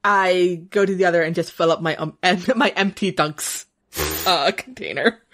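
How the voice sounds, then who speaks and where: A woman's voice: on the low side, moderate pace, a bit bright. A woman playing a tabletop game, blunt, playful and swearing freely. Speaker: player. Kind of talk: casual tabletop play.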